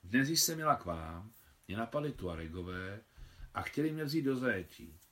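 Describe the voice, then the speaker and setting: A bold young noblewoman from Russia tells of her escape lightly and playfully, voiced by a male reader. She sounds bright-toned and sharp. It is a spoken audiobook. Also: on the low side, big pitch swings. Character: Russian countess, young woman, bold and cool-headed.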